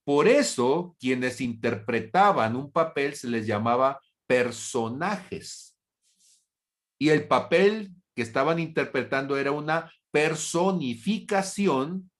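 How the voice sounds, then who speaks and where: Slow, deliberate male preacher. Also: mid-range voice. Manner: slow, deliberate teaching with rhetorical questions; acts out brief imagined dialogues in a raised voice. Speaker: pastor teaching a Bible study. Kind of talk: sermon.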